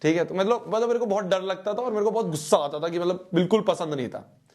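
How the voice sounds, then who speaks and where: A young man, a teacher telling a childhood story to his students in a playful, animated way. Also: high-pitched, quick pace.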